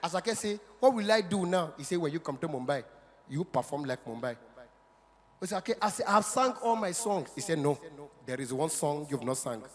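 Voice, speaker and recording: A man's voice: a little high, expressive, a little fast. A man with a Nigerian accent doing playful stand-up comedy on stage in front of an audience, like a practised showman. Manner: playful showman, mixes Pidgin into his patter. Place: on stage in a large venue. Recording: reverberant live stage with background noise.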